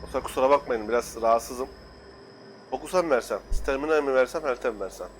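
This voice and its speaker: A young man casually commenting while playing, excitable and cursing at the game, shouting now and then. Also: medium pitch, quick pace, soft background music. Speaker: gaming YouTuber. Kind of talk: Let's Play commentary.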